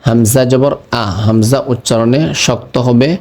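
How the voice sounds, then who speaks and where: A man teaching Quran reading, spelling each word slowly and patiently, letter by letter, then saying it whole. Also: mid-range voice, level tone, darkish tone. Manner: chants the verse words in a drawn-out melodic recitation. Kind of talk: slow letter-by-letter recitation lesson.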